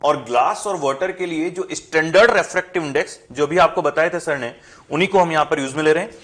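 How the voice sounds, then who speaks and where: A man's voice: on the high side, quick pace, a bit bright. A young man teaching a physics lesson, posing questions to the class and answering them himself. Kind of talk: classroom lesson explaining at a board.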